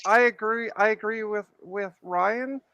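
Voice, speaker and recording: A woman's voice: mid-range voice, a little slow, muffled recording, crowd noise. A woman co-hosting a casual podcast chat, sarcastic and jokey.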